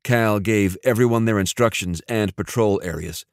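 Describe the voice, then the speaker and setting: Low-voiced man narrating an audiobook. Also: no echo, studio quality. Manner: even, measured storytelling. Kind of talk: scripted narration.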